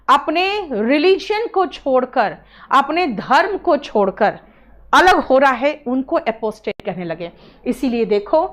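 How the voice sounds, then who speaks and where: A woman teaching an online English exam class. She explains words patiently, calls students "beta" and keeps checking "है ना?". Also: high voice. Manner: mixes English terms into Hindi explanations.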